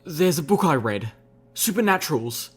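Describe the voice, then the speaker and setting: A man's voice: a little high, big pitch swings, slightly rough. A man doing a careful young mare heroine. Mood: cautious. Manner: careful, hesitant, measured. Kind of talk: audiobook character voice.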